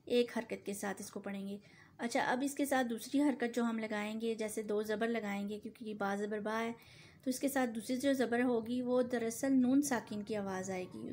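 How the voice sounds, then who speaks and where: A woman teaching Quran recitation rules with a sore throat, patient and repetitive, stretching out example words slowly. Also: on the high side, a little mellow, a little hiss or hum. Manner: patient, repeats points, slows down for drawn-out example words. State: sore throat, clearing it often. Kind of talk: tajweed lesson.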